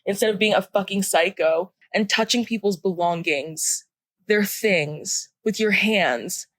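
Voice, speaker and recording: A woman's voice: mid-range voice, a little slow, a bit bright, no room sound. A young woman co-hosting a podcast, ranting in a heated, profane, casual way about things she hates. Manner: ranting, heated and profane, laughing at her own story. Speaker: podcast co-host. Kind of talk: casual chat.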